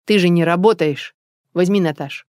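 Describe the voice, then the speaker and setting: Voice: mid-range voice, normal speed, darkish tone, no echo, close to an everyday voice. Reader doing a bossy older village mom in an audiobook, stern and pushy, dead dry sound with no room at all. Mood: insistent. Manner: commanding, insistent. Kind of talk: audiobook character voice.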